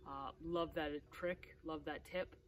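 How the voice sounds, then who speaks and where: A middle-aged woman with a fairly low voice explains sawmill maintenance step by step. She sounds practical and encouraging as she works outdoors. Faint outdoor ambience sits under her voice on the camera mic. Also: fairly even intonation, takes it slowly, slight background noise. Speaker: sawmill owner demonstrating maintenance. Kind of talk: hands-on instructional video. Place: outdoors beside a sawmill in snowy woods.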